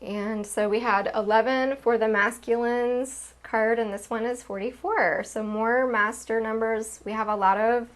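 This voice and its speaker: A woman giving a spiritual tarot card reading in a gentle, soothing way. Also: on the high side, steady tone, measured pace, few pauses. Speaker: tarot reader.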